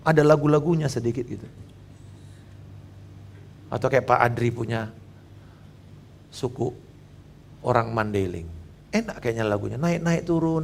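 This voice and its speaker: A man in his fifties, a pastor preaching a sermon in a lively way and joking with the congregation. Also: mid-range voice, creaky, a little hiss or hum.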